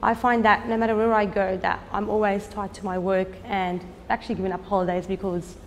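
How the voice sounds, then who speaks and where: A woman, a fashion designer speaking in a documentary interview, earnest and unhurried, with frequent "um" pauses. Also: mid-range voice, little pitch movement, big-room sound, a little hiss or hum. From Australia. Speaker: fashion designer and business owner.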